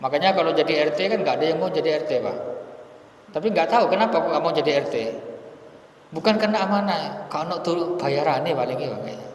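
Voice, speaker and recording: Male preacher, high-pitched and animated storyteller, mic far off in a reverberant hall. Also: a little fast, a little hiss or hum. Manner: lively storytelling preacher, addressing the congregation as Pak. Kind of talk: sermon. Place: gathering hall for an evening study.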